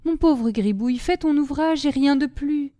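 A devoted sister, gentle and protective, speaking tenderly and pleadingly, as a woman reader gives her voice. The voice is mellow and slightly high, recorded close and dry in a storybook reading. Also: normal speed, dry recording, close to an everyday voice.

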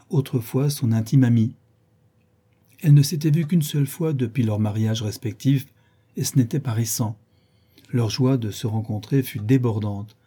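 A man narrating an audiobook of a classic novel with a measured, steady reading. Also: medium pitch, slightly rough.

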